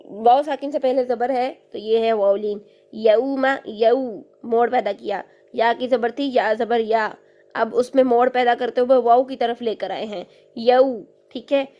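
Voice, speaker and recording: Woman teacher, higher-pitched voice, patient, step-by-step explanations with frequent check-ins. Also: mellow, lo-fi sound. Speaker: Quran recitation teacher.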